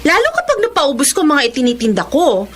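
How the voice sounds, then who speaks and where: A woman's voice: high-pitched, very animated, fairly quick, a little hiss or hum. An actress playing a young woman who lost her job and sells online, hesitant then sarcastic. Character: young woman, laid-off eldest child, proud and defiant. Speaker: lead character and narrator. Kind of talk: radio drama acting.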